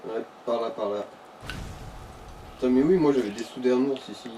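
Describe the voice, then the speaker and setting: In a casual gaming chat, a man with a mid-range voice guides a friend through a video game, speaking at a moderate pace in a dry, slangy way. The mic is slightly distant, with faint background noise.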